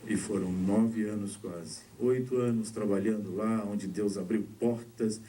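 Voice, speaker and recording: A Brazilian pastor with a Brazilian Portuguese accent preaches his testimony to a congregation, telling the story and acting out the dialogue of its people with shifts in pitch. His voice is steady and dark, a little slow. The mic is distant, picking up faint ambience and slight background noise.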